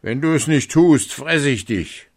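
A man's voice: on the high side, big pitch swings, measured pace, gravelly, pitched above the performer's own voice, full character voice. A man voicing a cunning evil wolf in a fairy tale reading, speaking in a sly coaxing way. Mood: threatening. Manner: sly coaxing, then threatening. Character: cunning evil male wolf, disguising his voice.

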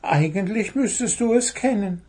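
A man voicing a small, cheeky, excitable blue bird in a storybook reading, in a high chirpy voice. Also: moderate pace, slightly rough.

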